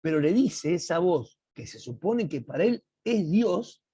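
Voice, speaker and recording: Man, Bible teacher in an online class, husky voice, dry close sound. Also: high voice, big pitch swings, dark tone, no room sound, dull audio. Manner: slow, emphatic explaining with dramatic read-aloud quotes. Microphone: video call.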